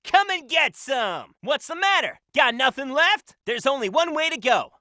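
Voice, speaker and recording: A man voicing a cocky, upbeat young hedgehog hero in a video game, brash, energetic and confident. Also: extremely high pitch, normal speed, no echo, studio quality, exaggerated voice. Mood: cocky, fired up.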